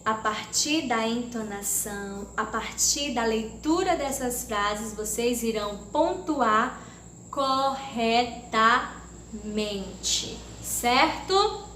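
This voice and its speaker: A woman from Brazil teaching a grammar lesson to young children, speaking slowly and deliberately and exaggerating her intonation when she reads example sentences. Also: on the high side, expressive, sharp tone. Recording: echoey room with faint background noise.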